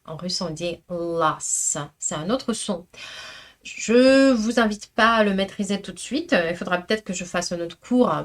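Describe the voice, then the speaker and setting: A woman's voice: medium pitch, moderate pace. A woman teaching pronunciation in French, carefully repeating and modelling each word. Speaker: Russian language teacher. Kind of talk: pronunciation lesson.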